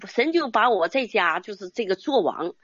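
With big pitch swings, a moderate pace, and a mid-range voice that is a bit bright and husky, an older woman offers an earnest, rambling religious testimony as a church member. The casual talk, recorded muffled with no echo, is sprinkled with little tag particles at the ends of phrases.

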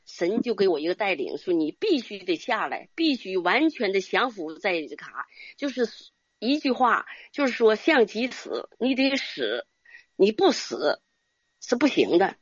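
An older woman, a church member, gives an earnest, rambling religious testimony in a casual spoken style, often closing phrases with little tag particles. Her voice is medium-pitched, husky and sing-song, and she speaks unhurriedly. The recording is dry, with the highs cut off.

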